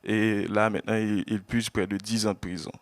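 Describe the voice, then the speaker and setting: A man from Haiti, an exiled journalist giving an earnest personal testimony to an audience, often halting and repeating words. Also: on the low side, little pitch movement, no echo. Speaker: exiled journalist speaking at an event.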